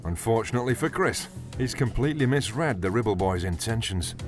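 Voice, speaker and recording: A man's voice: medium pitch, expressive, a little fast. A man reading scripted narration for a television documentary. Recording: voice-over with music bed.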